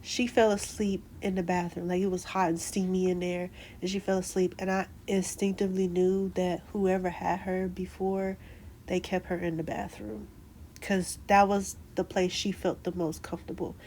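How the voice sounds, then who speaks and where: A woman's voice: lowish voice, normal speed, a little hiss or hum. A woman vlogger telling a personal story in a chatty way, acting out what people said. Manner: animated, acts out quoted dialogue; chatty with frequent fillers and restarts.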